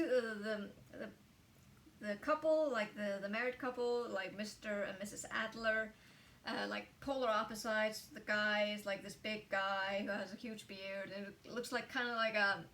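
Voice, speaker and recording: A woman's voice: mid-range voice, fairly bright tone, recorded from a distance. Chatty woman reviewing a book. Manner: chatty, many fillers and restarts.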